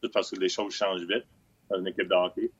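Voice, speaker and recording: A man with an accent of his own, a hockey analyst guest joining remotely, halting and repeating words. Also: low voice, flat delivery, husky, no echo. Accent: French with a non-Québécois lilt. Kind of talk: remote interview. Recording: dull remote line.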